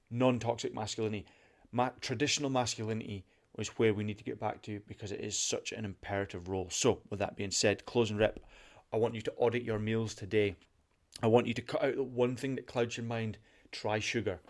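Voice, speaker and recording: A man's voice: lowish voice, fairly even intonation, a little fast. A young man hosting a solo motivational podcast. He talks with passion, gets worked up and repeats his points for emphasis. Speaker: podcast host.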